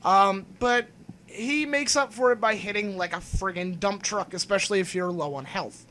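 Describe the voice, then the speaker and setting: A bright, forward voice co-hosting a casual gaming chat, with jokey and animated banter. The recording has faint noise behind it. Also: medium pitch, moderate pace. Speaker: podcast co-host.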